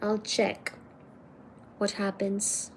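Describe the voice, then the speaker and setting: A livestream host reads out viewer comments, chatting casually and teasingly and calling viewers darling. Her medium-pitched voice is monotone and extremely slow, with slight background noise.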